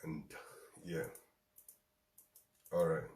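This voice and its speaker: A man's voice: very deep voice, fairly even intonation, drawn-out words, darkish tone, reverberant. A man with a Ghanaian accent hosting a show, giving a motivational talk and repeating lines for emphasis. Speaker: show host.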